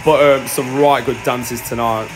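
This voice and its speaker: A man, reacting at home to a dance show with quick, gushing, slangy verdicts. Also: medium pitch, steady tone. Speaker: vlogger reviewing a dance show. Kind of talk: casual live reaction commentary. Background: TV show music playing.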